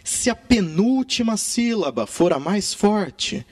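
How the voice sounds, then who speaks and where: Lively Brazilian grammar teacher. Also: male voice, sits high, slow, no room sound. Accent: Brazilian Portuguese. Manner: lively, emphatic teacher stretching key words. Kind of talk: video grammar lesson.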